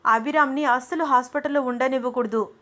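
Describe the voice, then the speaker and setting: A fiery young woman in love bristles with jealousy and snaps back in a high, indignant voice, as a woman narrator puts her on. She speaks sharply in an audio storybook, her pitch pushed up well above the narrator's own. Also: steady tone, brisk, bright, forceful tone. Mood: jealous angry. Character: young woman, jealous, quick-tempered, lovestruck.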